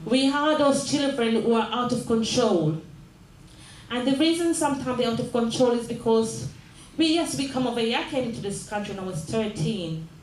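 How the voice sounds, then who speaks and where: A woman's voice: fairly high pitch, animated, normal speed, a little hiss or hum. Older Jamaica-born woman mayor, earnest speech. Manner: earnest, repeats phrases, checks in with the audience. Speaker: mayor giving a closing speech. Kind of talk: community speech. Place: large room at a mayor's office. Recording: echoey room with faint ambience.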